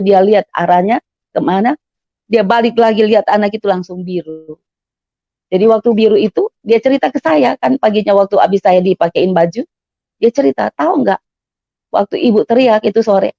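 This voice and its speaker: A middle-aged woman giving a personal testimony, telling her story in an animated way. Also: medium pitch, gravelly, no echo. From Manado, Indonesia. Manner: animated storytelling, acts out quoted voices. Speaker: testimony giver. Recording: dull lo-fi recording.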